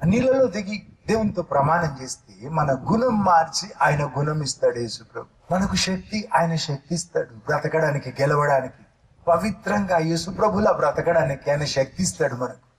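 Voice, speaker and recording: A man's voice: fairly high pitch, lively intonation, moderate pace, poor audio. A male pastor preaching a sermon, asking rhetorical questions and using everyday examples.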